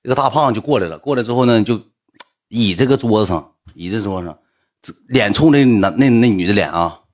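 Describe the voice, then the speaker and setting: Man, Northeastern Mandarin accent, fast talker, animated, blunt casual anecdote. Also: fairly low pitch. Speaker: storyteller.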